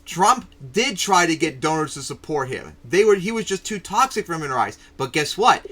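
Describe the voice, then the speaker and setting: A man's voice: on the high side, big pitch swings, moderate pace, bright, forceful tone. A man hosting a casual political chat show, ranting and swearing, with many fillers. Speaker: podcast host.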